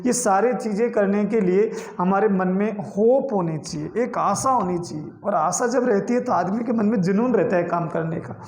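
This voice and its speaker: A male teacher lecturing a class on a poem, slowly repeating key terms and mixing English words into his Hindi explanations. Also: high voice, a little mellow, echoey room. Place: classroom with a board.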